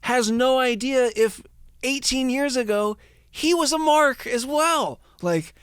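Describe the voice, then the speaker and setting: A man's voice: very high-pitched, slow, a bit bright, clear, resonant tone, no echo, clean studio sound. A man hosting a podcast, telling a story in a casual, profane, rambling, jokey way. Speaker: podcast host.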